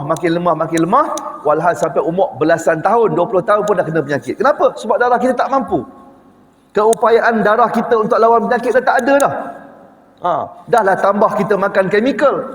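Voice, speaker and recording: Middle-aged guy preaching in a mosque, lively, keeps asking the crowd, big roomy echo. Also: high voice. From Malaysia. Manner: animated, rhetorical questions to the audience. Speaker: mosque lecturer. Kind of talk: evening mosque lecture. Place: mosque prayer hall. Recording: echoey mosque hall reverb.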